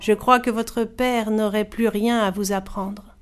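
A woman voicing a wise, calm old village chief in a storybook reading, asking questions and giving judgment. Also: medium pitch, measured pace, lightly acted.

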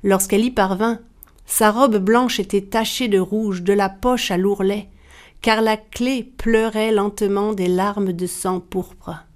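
A woman narrating a dark fairy tale in a measured, dramatic storytelling manner. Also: medium pitch, fairly even intonation.

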